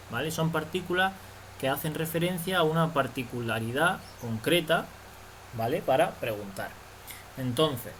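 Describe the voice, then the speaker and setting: A man's voice: a little high, a bit bright, slight background noise, low-quality recording. A man teaching a language lesson, explaining patiently and checking understanding again and again. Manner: slow, patient explaining with frequent "vale?" checks.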